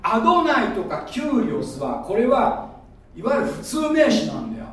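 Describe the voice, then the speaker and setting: Male pastor, high and lively voice, teaching style, heard from afar in a very echoey hall. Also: normal speed. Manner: explains like a teacher, asks the audience questions. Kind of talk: sermon. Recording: echoey room, voice from far off.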